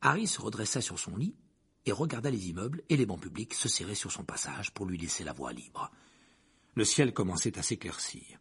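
A male audiobook narrator with a husky, gravelly voice at a middle pitch. His storytelling rises and falls freely and stays expressive from line to line. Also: brisk.

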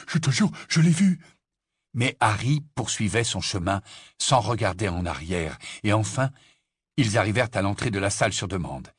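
A man reading a storybook aloud as narrator, with an expressive delivery. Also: on the low side, husky, no room sound, clean studio sound. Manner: expressive reading, varied intonation. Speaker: audiobook narrator.

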